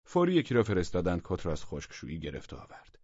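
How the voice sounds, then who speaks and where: A man reading a satirical story aloud as narrator, with expressive storytelling and hushed asides. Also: low voice, breathy edge, no room sound, muffled recording.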